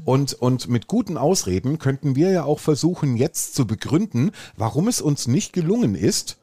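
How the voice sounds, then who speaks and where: A man's voice: mid-range voice, very animated, moderate pace, warm tone, husky, no room sound. A man hosting a casual podcast, rambling through wry anecdotes. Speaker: podcast host.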